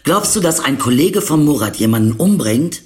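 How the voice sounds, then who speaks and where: A man's voice: fairly high pitch, very animated, normal speed, darkish tone, pitched above the performer's own voice. A man voicing a cocky young man who talks bluntly and teases his friend in slang. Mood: teasing.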